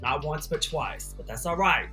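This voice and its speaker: A man with a Texan accent, a drag queen telling a sassy, animated story and acting out the voices in it. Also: on the high side, moderate pace, soft background music. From Texas.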